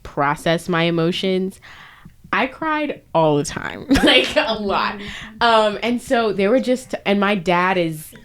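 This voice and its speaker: A woman's voice: lowish voice, clear, resonant tone. A woman telling a personal story on a chat podcast, earnest and reflective, with lots of "like" and "um". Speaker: podcast guest. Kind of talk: casual chat.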